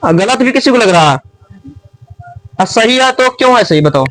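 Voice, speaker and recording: High-voiced man teaching a classroom. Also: animated, moderate pace, fairly bright tone, slight background noise, rough recording. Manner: quizzing students, often raising voice.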